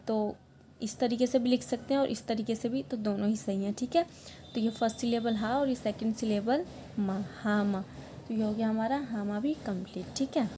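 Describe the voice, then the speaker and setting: A young woman teaching a language lesson, explaining words step by step, patiently repeating them slowly and checking in often. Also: fairly high pitch, dark tone, a little hiss or hum. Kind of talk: online language lesson, writing on a board.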